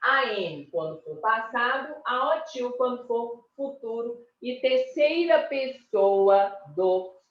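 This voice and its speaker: Slow-speaking teacher, echoey far-off sound. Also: female voice, fairly high pitch, expressive. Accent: Brazilian Portuguese. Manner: slow, repeating words and stressing syllables. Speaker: primary school teacher. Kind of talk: recorded class lesson. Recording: echoey room, distant mic, dull sound.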